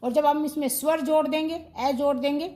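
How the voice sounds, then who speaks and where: A woman with a high, light voice teaching a grammar lesson online. She asks a question, answers it herself and goes over each term again, in the steady way of a classroom teacher. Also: brisk. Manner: asks questions and answers them herself, repeats key terms.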